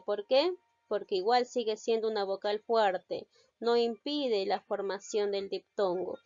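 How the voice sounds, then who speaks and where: A woman's voice: a little high, a little mellow, no echo. A woman teacher giving a recorded grammar lesson, explaining step by step and often stopping to check that listeners follow. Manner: explains step by step and keeps asking "¿ya?" to check understanding. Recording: slightly dull, dry sound.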